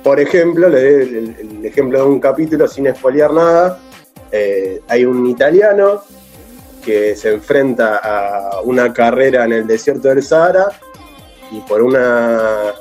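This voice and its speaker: A man's voice: mid-range voice, lively intonation, a little slow, a little mellow, faint music behind. A man with an Argentine accent on a casual panel, describing a documentary series at some length. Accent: Argentine Spanish. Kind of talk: casual group chat.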